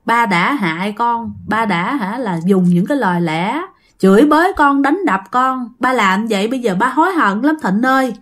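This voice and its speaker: A woman's voice: on the high side, animated, moderate pace, a bit bright. A woman voicing a grieving father sobbing for his dead son's forgiveness. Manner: sobbing, pleading.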